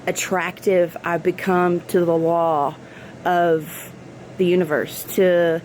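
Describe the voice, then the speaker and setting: A woman's voice: lowish voice, level tone, takes it slowly, darkish tone, poor audio. Reflective woman rambling over background noise. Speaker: spiritual vlogger. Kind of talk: rambling spiritual monologue.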